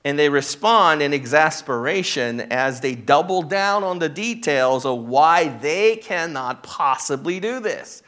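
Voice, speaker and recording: A male pastor giving a sermon in a conversational way, often checking in with the congregation, and turning animated when he acts out the disciples. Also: fairly high pitch, measured pace, hardly any pauses. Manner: conversational, checks in with "right?" and "okay?".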